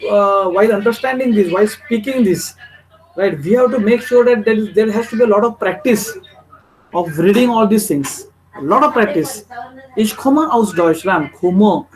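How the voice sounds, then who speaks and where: Indian teacher drilling German pronunciation. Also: male voice, sits high, poor audio. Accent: Marathi-influenced Indian English. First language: Marathi. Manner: repetitive, drills phrases aloud, keeps checking with "right?". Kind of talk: online language lecture.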